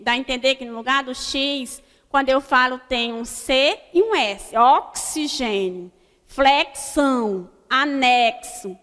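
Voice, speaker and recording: A Brazilian woman teaching a recorded grammar lesson to children, spelling out example words slowly and checking in with her pupils. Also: high voice, a bit bright. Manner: slow, deliberate word-by-word dictation with frequent "né?" checks. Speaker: primary school teacher. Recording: long hall reverb.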